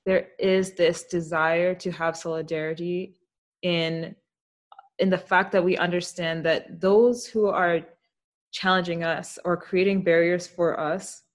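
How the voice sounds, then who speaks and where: Speaking unhurriedly with a lowish voice and little pitch variation, a young woman hosts a podcast. Her casual interview style is thoughtful and reflective, with easy laughter.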